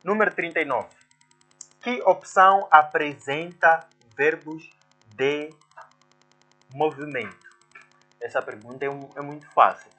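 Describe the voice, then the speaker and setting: A man's voice: on the high side, a little slow, long pauses, bright, forceful tone, soft background music. A man, working through exam answers as a teacher and sounding out syllables step by step. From Mozambique. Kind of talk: exam walkthrough lesson.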